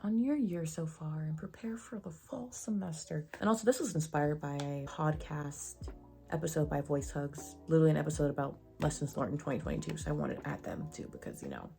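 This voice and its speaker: A young woman giving casual advice in a vlog, slangy and sassy, with a flat, even delivery. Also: deep voice, a little fast, creaky, soft background music. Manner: says she sounds monotone. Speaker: vlogger.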